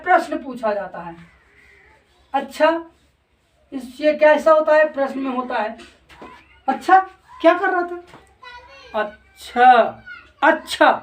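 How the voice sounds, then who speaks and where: A high-voiced woman teaches a grammar lesson at an unhurried pace. She keeps posing a question and answering it herself. Her voice sits back from the mic in an echoey room. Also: distant mic. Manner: slow, repetitive, keeps asking and answering her own questions.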